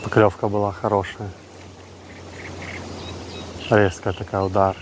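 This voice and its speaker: Fields: Sex: man. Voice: low, flat. Style: terse fishing commentary. Noise: wind on mic. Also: unhurried. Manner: terse, short fragmented remarks. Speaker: angler filming himself. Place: outdoors on a windy lake shore. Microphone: action camera worn on the body. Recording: outdoor wind and ambient noise.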